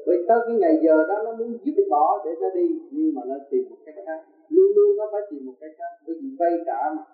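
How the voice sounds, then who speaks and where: A man giving a religious sermon, telling a parable and asking his listeners rhetorical questions, recorded in a tinny, echoey way from far off. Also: on the high side. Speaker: preacher. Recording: tinny, echoey, distant from the mic.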